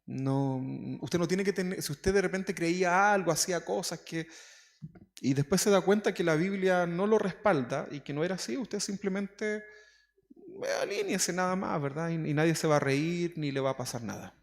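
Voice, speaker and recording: A man's voice: high voice, expressive, moderate pace, creaky. A man preaching a sermon as pastor, talking to the congregation in a casual way and often asking them questions. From Chile. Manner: conversational, asks the congregation questions. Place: church hall. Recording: long hall reverb.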